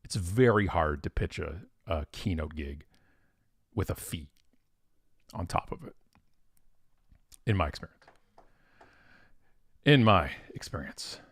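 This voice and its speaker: A low-voiced man chatting on a live stream, recorded close and dry with no room sound. He talks in an animated, off-the-cuff way, full of fillers and quick restarts, and breaks into sudden excited peaks. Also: breathy edge, no room sound. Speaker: professional speaker.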